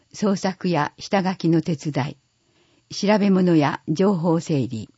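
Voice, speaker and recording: A reader calmly working through an audio newsletter at a measured, even pace. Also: medium pitch, breathy edge, dry recording. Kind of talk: read-aloud audio newsletter. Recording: dull lo-fi recording, dry.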